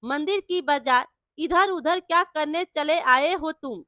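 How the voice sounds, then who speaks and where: A woman voicing a gruff, short-tempered village trader husband in a storybook tale, speaking harshly and scolding. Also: high voice, takes it slowly, bright, forceful tone, no room sound, studio quality, full character voice.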